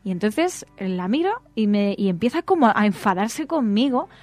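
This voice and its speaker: A woman, co-hosting a radio chat, telling a lively anecdote and reading listener messages. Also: medium pitch, moderate pace, no room sound. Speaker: radio co-host.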